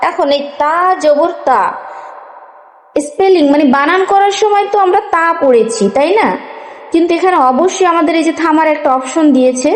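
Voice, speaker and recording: A woman teaching a Quran reading lesson, patiently spelling out letters and asking questions as she goes. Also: high voice. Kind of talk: step-by-step recitation lesson. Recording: echoey room with long reverb.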